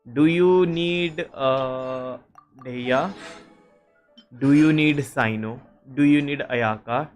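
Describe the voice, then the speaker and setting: A young man with an Indian accent streaming a game, chatting casually in a mix of Hindi and English and restarting his sentences a lot. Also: on the high side. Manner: mixes Hindi and English, rambling, restarts often. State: struggling to speak smoothly. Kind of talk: casual live-stream chat. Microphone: headset taken off.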